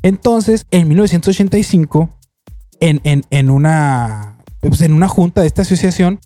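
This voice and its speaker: A man's voice: fairly high pitch, moderate pace, no echo, soft background music. Man telling a story. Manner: rambling, many restarts, quotes people in lively voices. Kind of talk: casual storytelling chat.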